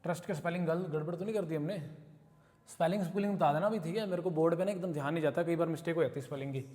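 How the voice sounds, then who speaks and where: A man with an Indian accent teaches English to a live class, explaining in Hindi and quoting example sentences. He checks with his students often, in a slightly high voice. The recording carries a long room reverb from the classroom. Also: rapid-fire, darkish tone. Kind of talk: classroom lesson. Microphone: camera recording the class.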